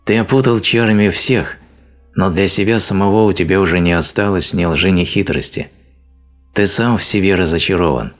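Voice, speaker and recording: A man's voice: low voice, normal speed, soft background music, lightly acted. A man reading a stern, angry male sage in an audiobook, scolding with harsh declamation. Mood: scornful.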